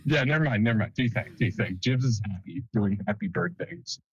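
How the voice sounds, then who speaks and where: A man's voice: medium pitch, big pitch swings, fast talker, a crowd in the background. A man playing a tabletop game, talking casually and swearing often over a phone call from his car. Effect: phone call from a moving car. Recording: dull lo-fi phone line from a car.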